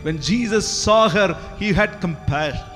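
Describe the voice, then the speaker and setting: A man interpreting a sermon phrase by phrase, deliberate and echoing the preacher's fervor. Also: high-pitched, a bit bright. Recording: hall reverb with faint music behind.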